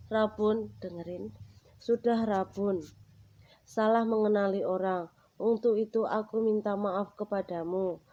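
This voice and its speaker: A woman's voice: mid-range voice, dark tone, natural voice. A woman voicing an old, poor mother who pleads tearfully with her son. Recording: dull recording with faint noise.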